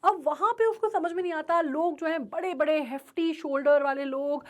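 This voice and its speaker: A high-pitched woman teacher walks through a story chapter, mixing English terms into her explanations. She keeps checking whether her listeners are following. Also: moderate pace. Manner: explains with frequent check-in questions; mixes Hindi and English terms.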